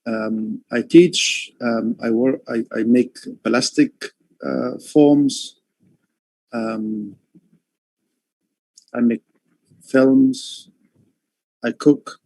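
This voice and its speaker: An Egyptian artist on a livestream call explains his art slowly and hesitantly, filling pauses with "um" and "uh" and restarting often. His mid-range, steady voice is slightly mellow with a gravelly edge. Speaking through a headphone setup, he sounds dry and close, with no room echo.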